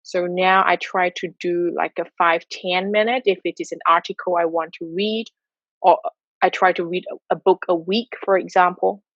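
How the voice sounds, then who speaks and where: A Malaysian woman, a guest on a video call from her home in Tokyo, answers questions in an online talk with earnest, motivational advice on mindset and habits. Her voice is on the low side, steady in tone and at normal speed. The audio is dull with no echo.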